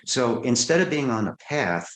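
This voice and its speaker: A man's voice: medium pitch, sing-song, moderate pace, reverberant, poor audio. A man who works as a therapist, telling earnest stories about clients in an interview and acting out their dialogue. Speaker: guest therapist. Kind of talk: interview storytelling.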